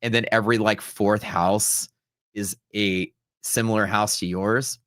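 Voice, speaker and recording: A Texas man, a futures trader, hosts a livestream and tells stories in a loose, rambling, slang-heavy way. His voice sits on the low side with a steady tone and a fairly bright quality, and he speaks without hurry. The sound is clean and studio-grade with no echo.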